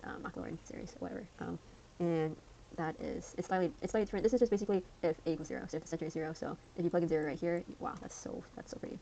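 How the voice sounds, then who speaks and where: A woman's voice: fairly low pitch, gravelly, mellow, slight background noise, rough recording. A young woman casually explaining a math lesson, rambling with lots of fillers and slang. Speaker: student tutor.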